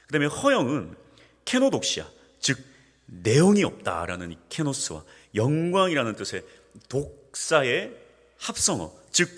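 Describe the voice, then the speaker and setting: Man preaching in a church, husky voice, wildly varying pitch, long hall reverb. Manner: lively preaching, swings between soft asides and emphatic peaks; acts out homely dialogue with humor. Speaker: pastor. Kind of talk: sermon. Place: church sanctuary. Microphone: microphone with feedback trouble.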